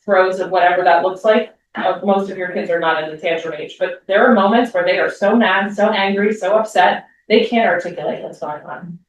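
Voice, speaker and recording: A woman's voice: fairly low pitch, slight background noise. A woman presenting to parents at a school meeting. She talks conversationally, with frequent ums and restarts. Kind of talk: parent talk. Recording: echoey room, voice from far off.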